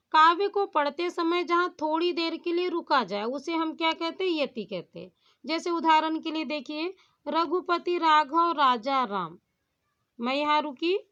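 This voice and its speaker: A woman's voice: very high voice, a bit bright. A woman teaching a Hindi grammar lesson on poetic meter. She keeps asking rhetorical questions and then answers them herself. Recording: dull lo-fi sound.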